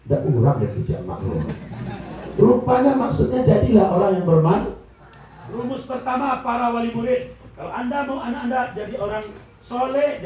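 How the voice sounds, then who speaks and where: A man giving a religious lecture to parents, lively and jokey, often asking the audience questions. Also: high-pitched. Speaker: preacher. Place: school hall. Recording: echoey hall from far off, faint noise.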